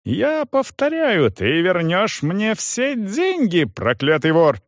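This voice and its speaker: A man's voice: wildly swooping pitch, slow, no room sound, studio quality, exaggerated voice. A man voicing a hot-headed young man who shrieks and rages in an audiobook. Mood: shrieking rage. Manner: shrill, screaming, outraged.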